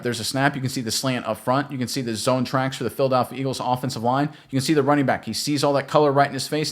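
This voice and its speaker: A man giving an emphatic, coach-like football film breakdown and talking straight to his viewers. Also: medium pitch.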